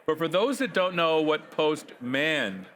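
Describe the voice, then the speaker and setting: A man's voice: fairly high pitch, sing-song, slow, a bit bright, slight background noise. A man hosting a casual tech interview, chatty and jokey as he asks questions. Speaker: host. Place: conference studio set.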